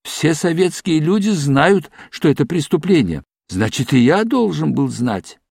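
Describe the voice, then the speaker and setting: A man doing Isaev, calm interrogating officer. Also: fairly high pitch, gravelly, slightly rough, dry recording, studio quality, heavily acted. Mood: pressing. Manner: measured, probing questions. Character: calm, probing male intelligence officer interrogating. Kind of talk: audiobook reading.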